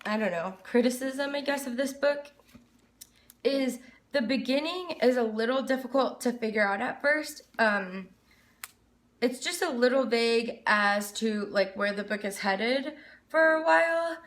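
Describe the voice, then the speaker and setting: A woman's voice: on the high side, lively intonation, slow, long pauses, fairly bright tone. A woman chatting casually and informally to camera as a book reviewer, rambling a little, recorded in an echoey room. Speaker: book reviewer, video host.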